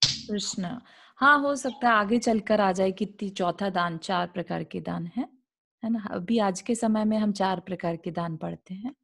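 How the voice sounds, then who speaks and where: A woman's voice: medium pitch, measured pace, gravelly, fairly bright tone. A woman teaching a scripture class over a video call. She reads an old religious text aloud, then explains it in simple words and asks the class rhetorical questions.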